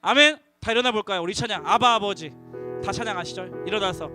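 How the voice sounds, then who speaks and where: A man preaching to middle schoolers as their youth pastor, lively and coaxing the audience to call out together. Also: high-pitched, fast talker, over loud music. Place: church youth worship hall.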